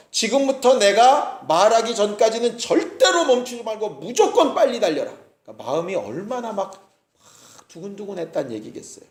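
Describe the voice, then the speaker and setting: A man's voice: high voice, echoey room. A male pastor preaching a sermon, retelling a story with acted-out quotes and rhetorical questions. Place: church sanctuary.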